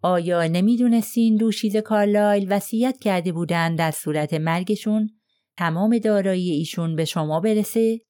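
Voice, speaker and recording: A woman's voice: mid-range voice, dark tone, close to an everyday voice. A woman voicing a cold, firm male lawyer in an audiobook, pressing a witness with probing questions. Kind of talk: audiobook character reading.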